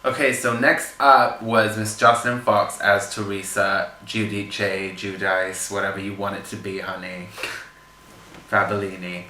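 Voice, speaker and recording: A man's voice: on the low side, level tone, normal speed, hardly any pauses, pushed and bright, roomy sound, slight background noise. A man co-hosting a casual review podcast, talking in a campy, sassy, laid-back way. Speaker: podcast co-host. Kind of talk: casual chat.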